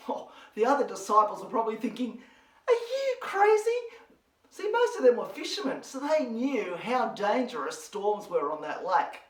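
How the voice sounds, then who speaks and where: A woman with an Australian accent presenting a children's church lesson, telling a Bible story in an animated, expressive way. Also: mid-range voice, moderate pace, hardly any pauses. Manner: animated, expressive, speaks to her dog. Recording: roomy, from a distance.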